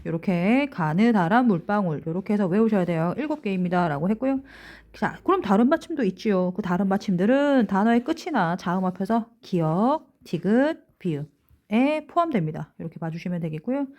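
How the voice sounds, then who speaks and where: A woman's voice: medium pitch, animated, brisk, darkish tone. A woman teacher giving a school lesson, explaining step by step, checking in with rhetorical questions and stretching out words she wants to stress. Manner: stretches out words and letter names when stressing them.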